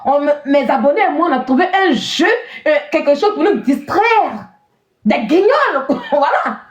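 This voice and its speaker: A woman hosts a live stream and scolds her callers with open scorn, repeating her jabs. Her voice sits high and swings a lot. The sound is roomy and a little dull. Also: very animated, moderate pace. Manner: mocking, scornful, repeats herself. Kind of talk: insulting live-stream chat.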